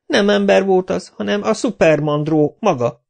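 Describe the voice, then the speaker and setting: A man voicing a whiny, dim-witted male night watchman in an audiobook, high and whining. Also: animated, vocal fry.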